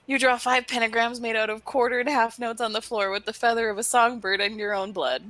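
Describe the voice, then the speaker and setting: A woman's voice: fairly high pitch, steady tone, a little fast, a bit bright, no echo, soft background music. A woman playing and reading out a video game, narrating playfully and theatrically with casual banter. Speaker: let's play reader and player.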